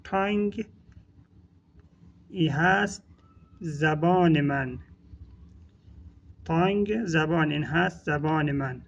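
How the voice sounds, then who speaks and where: A man with an Afghan Dari accent teaching English words, saying each model phrase slowly and repeating it before explaining it. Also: fairly high pitch, vocal fry. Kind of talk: language lesson explaining vocabulary. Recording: dull lo-fi recording.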